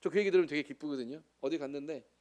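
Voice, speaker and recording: A man's voice: on the high side, racing, darkish tone. A man in his forties with a Jeolla Korean accent, a missionary preaching a sermon with chatty, joking asides to the congregation. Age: 40s.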